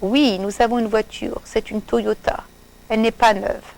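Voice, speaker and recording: A woman's voice: fairly high pitch, level tone, normal speed, vocal fry, a little mellow, poor audio. Anne, a shy and polite American teenage girl in a storybook, speaks in simple, careful phrases, as a woman reading the story puts her on. Her voice sits a little above a plain reading voice.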